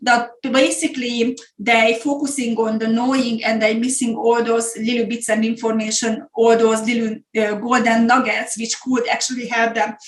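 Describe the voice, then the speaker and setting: Her pitch is fairly high and her delivery flat, at a moderate pace with hardly any pauses. She is a middle-aged Hungarian business coach with a Hungarian accent, earnestly presenting an online business masterclass and repeating words for emphasis, recorded in an echoey room.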